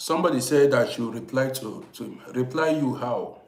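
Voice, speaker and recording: On an informal livestream, a Viennese man aged fifty-eight acts as host and storyteller, repeating his phrases insistently as he talks emphatically to viewers. He speaks at medium pitch and a moderate pace in a room with noticeable echo.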